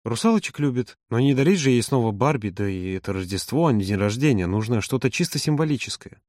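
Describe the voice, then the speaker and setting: A man's voice: medium pitch, lively intonation, quick pace, a little mellow, no room sound, studio quality, lightly acted. A man reading an audiobook, voicing a reserved man who answers briefly and with restraint. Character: reserved, terse grown man.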